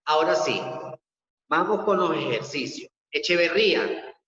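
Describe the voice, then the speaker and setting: A male teacher leading an online class and explaining each step slowly and methodically. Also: fairly high pitch, lively intonation, a bit bright. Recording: echoey dull lo-fi room audio.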